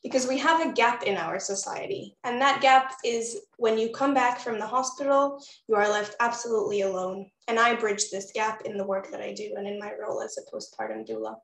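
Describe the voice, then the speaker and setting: A little high and expressive, this Israeli postpartum doula talks briskly with hardly any pauses while giving a webinar over video call, warm and encouraging and speaking directly to the audience. The recording is rough, in an echoey room.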